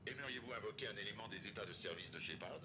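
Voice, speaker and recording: Man as male councillor, low pitch, grave, formal, deliberate, video game, rumbly noise. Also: lively intonation, natural voice. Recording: noisy recording with low rumble.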